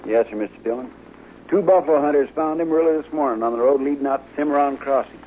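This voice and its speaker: Actor as Chester, folksy drawling frontier deputy. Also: male voice, medium pitch, fast talker, close to an everyday voice. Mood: earnest, respectful. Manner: drawling, deferential. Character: deferential, folksy male marshal's deputy in frontier town. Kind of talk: old-time radio western acting. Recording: muffled vintage radio, faint noise.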